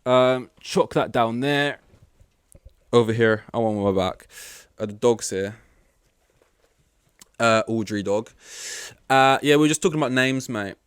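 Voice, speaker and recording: A young man records a solo podcast at home with his dog, rambling offhandedly and swearing casually into a plugged-in desk mic. His mid-range voice is clear and resonant at a moderate pace, with studio-quality sound and no echo.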